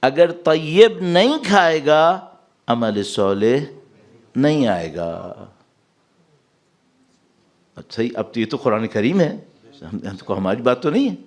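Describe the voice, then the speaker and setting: A man's voice: medium pitch, very animated, pauses often. A male preacher giving a Muharram sermon in a large hall, reciting verses and putting questions to the listeners. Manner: mixes English words into Urdu speech. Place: large mosque hall with a congregation.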